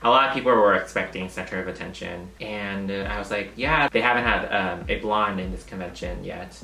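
A young man co-hosting a casual doll review chat, speaking in a relaxed, frank way. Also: lowish voice. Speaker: co-host of a doll collecting channel. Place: living room. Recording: roomy sound from a distance with faint music.

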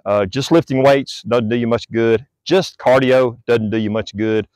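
A man's voice: medium pitch, steady tone, normal speed, a little mellow, no echo, studio quality. A man, a fitness vlogger giving a blunt, preachy, repetitive motivational talk to the camera outdoors on a driveway. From Southern United States. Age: 40s.

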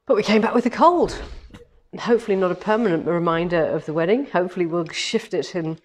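Speaking quickly in a lowish, slightly hoarse voice, a woman nursing a head cold runs a cheerful, meandering live-stream from her large quilting showroom, its floor lined with longarm machines. She owns the shop and is hosting a demo, filling her chat with ums. The tripod-mounted camera sits a few metres away.

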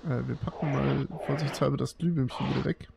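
Ein Mann, der beim Spielen locker vor sich hin kommentiert und mit sich selbst redet. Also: male voice, mid-range voice, brisk, gravelly. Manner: relaxed, mumbling to himself while playing. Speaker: let's play host. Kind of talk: casual game commentary.

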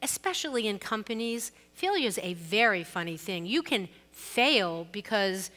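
Middle-aged Boston-accented woman panelist, bright tone, long hall reverb, frank and self-deprecating. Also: medium pitch, sing-song, normal speed. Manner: candid, self-deprecating, storytelling. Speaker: panelist, law firm co-managing partner. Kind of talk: conference panel discussion. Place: conference stage.

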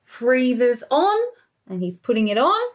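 In a small, bright indoor room, a preschool teacher in her thirties with an Australian accent reads a storybook aloud to young children, adding comments as she goes. Her voice is fairly high and very animated, and she speaks a little slowly.

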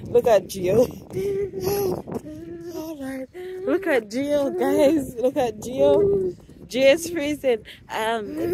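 A woman vlogger walking fast outdoors on a windy street, talking breathlessly into her phone about the cold. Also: a little high. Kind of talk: casual chat to camera.

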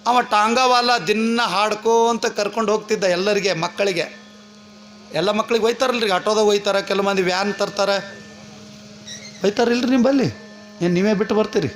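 A man with a North Karnataka Kannada accent giving a devotional storytelling sermon in a monastery hall, animated, throwing rhetorical questions at the gathering. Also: moderate pace, slight background noise. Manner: animated storytelling, rhetorical questions to the audience, sudden high exclamations. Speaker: spiritual discourse speaker.

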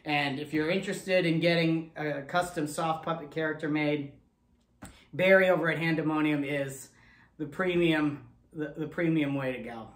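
A man's voice: fairly high pitch, fairly bright tone. An American man in his forties hosting a casual unboxing presentation as a ventriloquist. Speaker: ventriloquist host. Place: indoor puppet studio room. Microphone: camera a few steps away. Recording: echoey room, distant camera mic.

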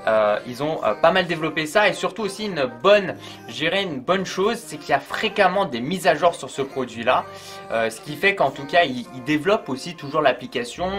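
A man's voice: fairly high pitch, a bit bright. A man giving a casual product review, chatty and full of fillers, talking straight to the viewer. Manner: chatty, many fillers, addresses viewer informally.

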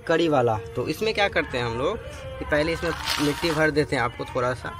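Man gardening host, slightly high voice, talks through each step outdoors on a phone, with clear music under his voice. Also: lively intonation, quick pace. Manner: explains step by step, repeats "dekhiye" and "theek hai". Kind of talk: casual how-to narration while working. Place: outdoor garden with potted plants. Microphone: handheld phone camera.

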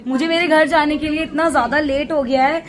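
High-voiced chatty young woman vlogging. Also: steady tone, fairly quick, crowd noise. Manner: chatty, talks straight to camera. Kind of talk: casual family vlog. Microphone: phone camera.

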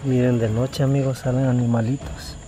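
A man's voice: mid-range voice, flat delivery, normal speed. A man in his thirties chatting casually to viewers on a night exploration vlog, holding the camera while walking outdoors. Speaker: vlogger. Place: outdoors at night in a grassy area. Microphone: handheld camera at arm's length. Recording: outdoor recording with faint background noise, insects. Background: crickets and insects.

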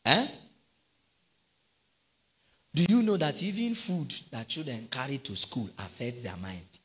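A man's voice: medium pitch, huge pitch swings, a little slow, a bit bright. A middle-aged man preaching a sermon, quizzing his congregation with call-and-response questions. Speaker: pastor.

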